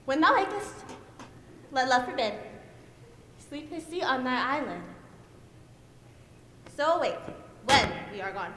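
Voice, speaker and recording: A teenage girl playing a mischievous fairy servant in a school stage play, delivering slow, theatrical lines from a distant mic in an echoey hall. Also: high voice, animated, fairly bright tone, a little hiss or hum, full character voice. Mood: sly. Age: teens. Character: mischievous sprite, errand-running fairy servant. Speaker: student actor. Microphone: distant room mic.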